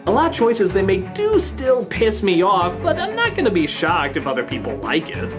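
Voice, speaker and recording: Animated woman reviewing a film. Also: mid-range voice, normal speed, over music. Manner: animated, exasperated. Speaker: movie reviewer.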